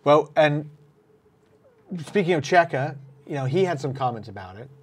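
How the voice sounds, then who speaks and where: A man's voice: a little high, expressive, normal speed. A man hosting a casual sports podcast, recapping a rugby match in a conversational way with many fillers. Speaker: podcast host.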